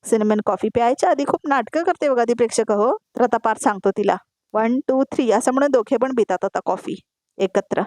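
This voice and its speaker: A woman's voice: fairly high pitch, darkish tone, no room sound. A woman narrating a TV serial episode recap as a voice-over, tagging each line of dialogue and addressing the viewers. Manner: quick, repetitive dialogue tags, addresses viewers.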